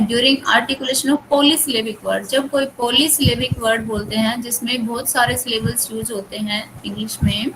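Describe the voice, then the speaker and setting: Indian woman lecturer, Hindi native, Indian English accent, high pitch, unhurried classroom delivery. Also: a bit bright, a little hiss or hum, poor audio. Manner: reads English text slowly, then explains it. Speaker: college English teacher.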